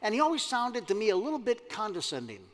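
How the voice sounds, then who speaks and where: A man delivers a sermon in a church sanctuary, his voice sitting high for a man. He keeps it conversational, often putting questions out to the congregation. A long reverb trails each phrase. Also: huge pitch swings, fast, a bit bright. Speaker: pastor.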